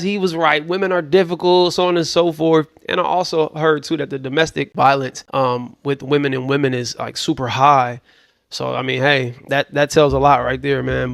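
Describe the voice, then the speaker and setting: Man, reaction host, casual joking, slightly high, dry close sound. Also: creaky, fairly bright tone, dry recording. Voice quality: loose and joking, drops into mutters. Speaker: commentary host.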